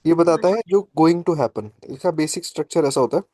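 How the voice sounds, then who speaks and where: A man's voice: fairly high pitch, mellow, dry recording. A man teaching a French class over a video call, explaining patiently and checking in with his students often. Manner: slow, patient explaining with frequent "ठीक है" checks. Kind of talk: live online class, Hindi-English mix.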